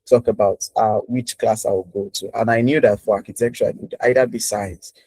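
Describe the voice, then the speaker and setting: A man's voice: fairly low pitch, fairly even intonation, brisk, mellow, dry recording, rough recording. A man hosting a casual interview over a video call, chatty and repeating himself with many fillers. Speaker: host.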